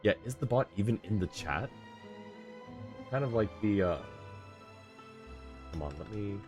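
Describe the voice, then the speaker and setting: This man streams a video game, talking in a relaxed, rambling way and thinking aloud at a measured pace. His voice is low-ish and darkish with lively intonation, and game music and character voices play in the background.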